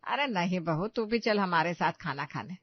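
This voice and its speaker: A woman's voice: fairly low pitch, animated, moderate pace, dry recording. A woman voicing a stern, scheming middle-aged mother-in-law in a cartoon story, bossy and scolding, on dull, dry, lo-fi audio. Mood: sweetly fake. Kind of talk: animated storybook voice acting.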